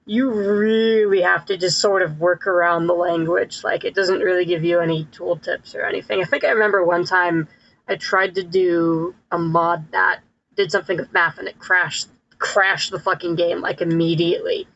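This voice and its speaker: A streamer talking through a live gameplay session with a voice digitally pitched up like a chipmunk, rambling and correcting themselves with frequent laughs. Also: steady tone, normal speed, vocal fry, a bit bright, lo-fi sound, slight background noise. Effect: pitched-up chipmunk-like voice filter.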